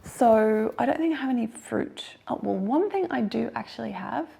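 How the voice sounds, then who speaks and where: An Australian woman with a husky, hoarse voice today, chatting casually to camera about her garden, self-deprecating and laughing often. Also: a little high, animated, normal speed, warm tone. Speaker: gardening vlogger.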